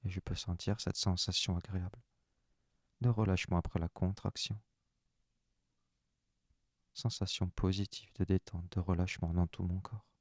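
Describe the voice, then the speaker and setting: A man with a low, deep voice leads a guided relaxation session. He speaks in calm, soft, unhurried phrases, close and dry with no room sound. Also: dry recording. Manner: calm, soft, unhurried first-person instructions.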